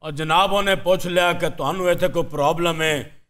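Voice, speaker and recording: A man's voice: fairly high pitch, fairly even intonation, brisk, fairly bright tone, natural voice. A man playing a droning inmate. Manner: droning, long-winded. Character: long-winded male social-worker inmate.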